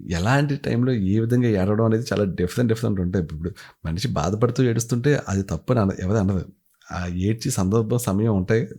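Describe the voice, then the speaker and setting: A man's voice: lowish voice, warm tone. A man giving a casual commentary review, retelling scenes animatedly and acting out the quotes. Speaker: show reviewer.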